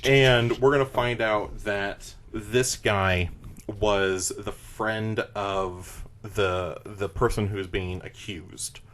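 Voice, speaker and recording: Brief: podcast host, man, slightly low voice, rambling casual pitch, lots of fillers. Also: steady tone, slow pace, a bit bright.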